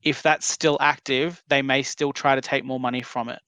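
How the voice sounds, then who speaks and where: A man talking someone through steps in a calm, explanatory, reassuring way, like a support caller advising a victim. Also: medium pitch, moderate pace, clean tone, dry recording. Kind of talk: phone support conversation.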